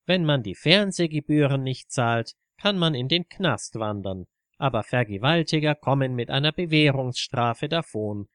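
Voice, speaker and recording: A man's voice: mid-range voice, animated, moderate pace, fairly bright tone, no room sound, lightly acted. Guy reading out a sarcastic fired-up man ranting at the pub table, dry close sound, storybook style. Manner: sarcastic, worked up.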